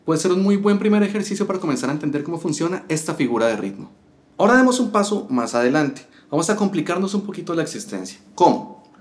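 A man's voice: fairly high pitch, big pitch swings, fast talker, a little hiss or hum. A man teaching a step-by-step guitar lesson, explaining rhythm and counting syllables aloud. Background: guitar playing.

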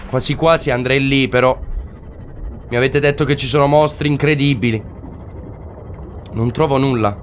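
A man's voice: mid-range voice, slight background noise. A man commentating his own video game play, exclaiming and repeating short phrases over and over. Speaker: gaming commentator.

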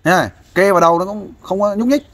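A man's voice: sits high, fast, a bit bright, dry recording. A man giving fatherly, persuasive advice in a casual interview, often asking for agreement. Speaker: volunteer counselor interviewing a guest.

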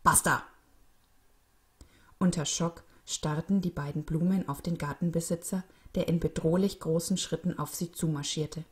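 A woman narrating a children's story in a calm, clear, expressive reading voice. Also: deep voice, normal speed, few pauses.

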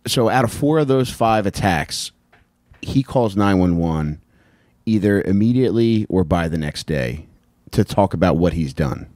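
A man's voice: deep voice, expressive, moderate pace, darkish tone, no room sound, clean studio sound. A man co-hosting a podcast, joking and cursing as he tells the story. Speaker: podcast co-host. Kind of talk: casual chat.

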